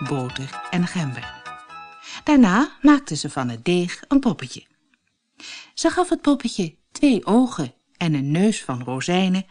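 Woman reading a kids story out loud, very lively melodic voice, clear and expressive. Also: fairly low pitch. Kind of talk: storybook narration.

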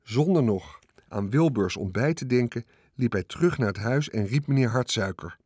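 A man reading a children's storybook aloud in calm, measured narration. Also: mid-range voice, husky, dry recording, studio quality. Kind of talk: scripted audiobook narration.

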